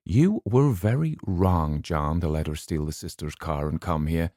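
A man voicing a bossy, self-important older wife who talks in a haughty, scolding, drawn-out way. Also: sits low, mellow, no echo, studio quality.

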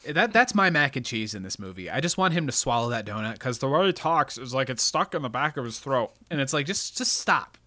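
A man in casual conversation about a movie, animated and laughing often as he acts out quotes. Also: mid-range voice, fairly quick, few pauses, no echo.

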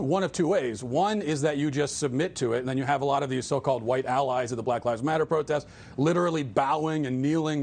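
A man's voice: medium pitch, vocal fry, darkish tone. A man as an interview guest, talking earnestly and restarting his sentences often. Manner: earnest, halting with repeated restarts. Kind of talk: political interview.

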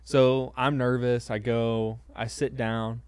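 Pastor type, mid-pitched, telling stories haltingly in a dry room. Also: male voice, little pitch movement, smooth, no room sound. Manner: hesitant, many fillers and restarts, self-deprecating. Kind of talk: casual conversational storytelling.

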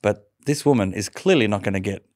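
A man, an interview guest, telling a personal conversion story in a lively way, laughing often and stumbling over restarts. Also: on the low side, fairly quick, no room sound, clean studio sound.

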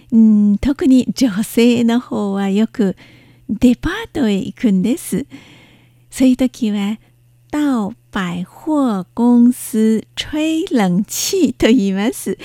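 A woman's voice: on the high side, mellow, no room sound, clean studio sound. A woman teaching a language lesson, explaining words patiently and spelling out their pronunciations step by step.

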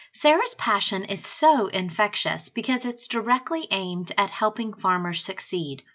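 A woman's voice: mid-range voice, pushed and bright, muffled recording. A woman podcast host delivering scripted narration for her show.

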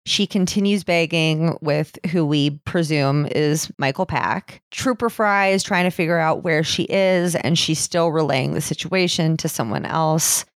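A woman with a low voice narrates a true-crime case on a podcast. Her delivery is casual and peppered with swearing. The sound is very dry and close, with no room around it. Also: unhurried, few pauses, no room sound. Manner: casual, swears freely while recounting a case. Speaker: podcast co-host.

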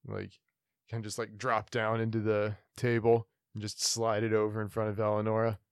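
A man's voice: lowish voice, monotone, moderate pace, clean tone, dry recording, studio quality. A man who plays a tabletop game, casually narrating what his character does.

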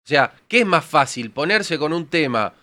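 A man's voice: on the high side, lively intonation, moderate pace, sharp tone. A man with an Argentine accent ranting vehemently and crudely in a heated panel debate. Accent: Argentine Spanish.

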